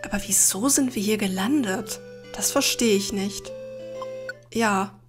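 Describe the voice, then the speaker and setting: A woman playing a video game and reading all of its dialogue aloud in her own voice, with dramatic, expressive delivery. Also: medium pitch, a little slow, over music. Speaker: Let's Play gamer.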